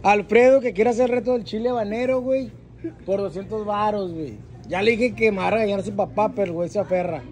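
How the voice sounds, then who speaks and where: A man's voice: high voice, fast, a little mellow. A man with a Mexican accent hosting a food challenge, teasing and egging someone on in casual slang. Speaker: host filming a food challenge. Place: indoor grocery store. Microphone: phone at arm's length. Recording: busy store with crowd noise.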